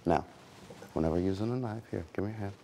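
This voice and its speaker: A man's voice: fairly low pitch, fast, mellow, slight background noise. An actor in a web series drama, playing a joking young man who cooks for his fiancée. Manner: joking, smooth-talking.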